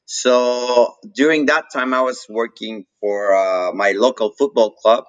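A man's voice: mid-range voice, steady tone, unhurried, no room sound, highs cut off. A man with a Mexican accent, chatting casually as an interview guest and rambling with many fillers and restarts. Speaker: guest, coffee roaster.

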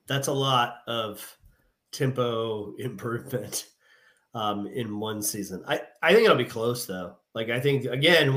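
A man co-hosts a sports talk podcast. His voice sounds bright and forceful. He gives short takes mixed with jokes. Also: fairly low pitch. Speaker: podcast co-host.

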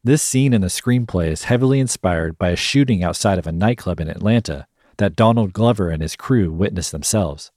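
A man hosting a podcast, narrating a scripted analysis in a measured, explanatory way. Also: sits low, a little mellow, dry recording, clean studio sound. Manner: measured, explanatory, reads quotes aloud. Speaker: podcast host.

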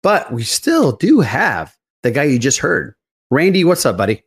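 Gravelly and husky at a medium pitch, this podcast host speaks at a moderate pace. He keeps the banter with his co-hosts casual, animated, and chummy, calling each of them buddy.

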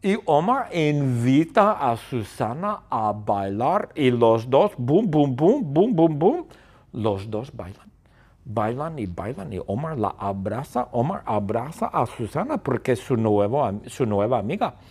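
Slow, animated man telling a class story. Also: mid-range voice, breathy edge. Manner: animated, slow storytelling with sound effects and squeals. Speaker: Spanish teacher. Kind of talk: storytelling lesson for students.

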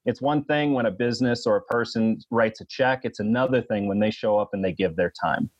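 A man's voice: on the low side, a little fast, dry recording. A man speaking as an interview guest over a remote internet call, explaining things conversationally. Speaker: podcast guest, nonprofit executive. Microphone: remote video call. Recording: dull lo-fi internet call, dry.

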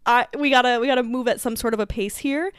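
A woman's voice: a little high, fast talker, fairly bright tone, smooth, no echo, studio quality. A woman co-hosting a podcast in casual chat, talking with lots of fillers and laughs. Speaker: podcast co-host.

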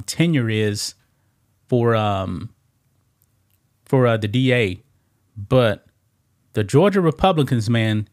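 A man hosting an online commentary show, talking casually and emphatically, often tossing in "man" and repeating his points. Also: mid-range voice. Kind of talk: opinionated political commentary.

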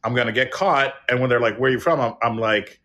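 A man's voice: medium pitch, fast, bright, forceful tone. A man hosting a casual podcast chat, playful and joking as he asks questions.

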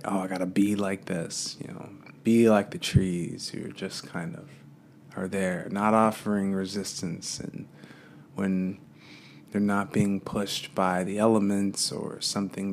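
A man's voice: on the low side, creaky, a little hiss or hum. A man giving a casual, meandering spiritual talk, full of fillers and loose asides.

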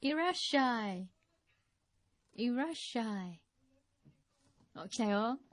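A woman's voice: a little high, animated, slow pace, dry recording. A woman co-hosting a radio podcast in a studio, chatting casually and teasing with frequent laughter. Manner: playful, teasing, laughs often.

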